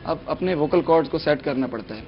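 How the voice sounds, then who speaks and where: A man's voice: on the high side, expressive. A young man appearing as a mimicry artist on a morning show, chatting eagerly and mixing in English words. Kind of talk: casual TV chat. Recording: dull lo-fi TV studio sound, faint music.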